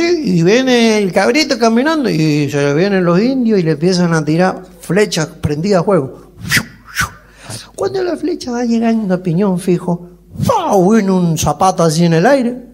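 A comedian from Mendoza, Argentina, performs a rambling stand-up monologue in character as a rustic country storyteller, his high voice animated. It's a live show recording with faint noise.

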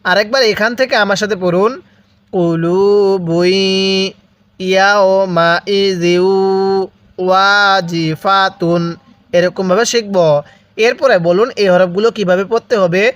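A man with a Bangladeshi Bengali accent teaching Quran reading, slowly spelling out letters and vowel marks one at a time and having the listener repeat after him. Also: high-pitched, dry recording, lo-fi sound. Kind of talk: slow spelled-out recitation lesson.

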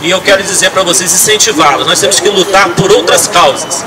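A man's voice: high-pitched, brisk. A man in his thirties, a city councillor, giving a rousing speech to a crowd with a handheld mic in an outdoor square. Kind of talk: public speech at a rally. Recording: distant mic, loud street noise outdoors.

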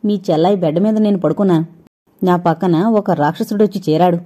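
A woman voicing a young woman who speaks quietly and warily on the phone, then turns sharp and accusing. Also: lowish voice, fairly quick, slightly rough. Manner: quiet, guarded, turning sharp.

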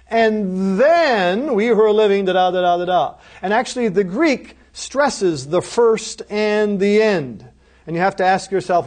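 Middle-aged male professor with a high, lifted voice, teaching with emphasis. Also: a little mellow. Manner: emphatic, explanatory, asks rhetorical questions. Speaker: Bible professor lecturing. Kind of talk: recorded course lecture.

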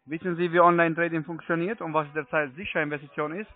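A man's voice: a little high, flat delivery, fast. A man from the United States who is not a native German speaker, making a cold sales call in broken German in a pushy, insistent way. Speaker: cold caller selling online trading. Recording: tinny phone line.

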